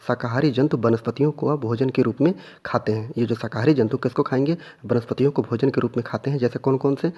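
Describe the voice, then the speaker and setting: A man whose mid-range voice is slightly rough and a little mellow teaches an exam revision class. He repeatedly stresses the key ideas and quizzes his audience, answering his own questions.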